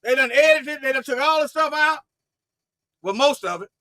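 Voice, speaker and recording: A man preaching fervently in a livestream, repeating himself and restarting phrases, swinging between loud emphatic bursts and low asides. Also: expressive, moderate pace, no room sound, studio quality. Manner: fervent, repetitive, with frequent restarts. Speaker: online Bible teacher.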